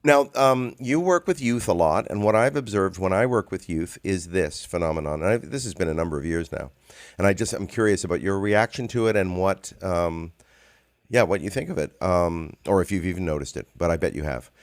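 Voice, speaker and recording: A man co-hosting a relaxed conversation between songwriters, telling stories with many ums and restarts. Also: sits low, a little fast, no room sound, clean studio sound. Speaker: songwriter co-host. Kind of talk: casual conversation.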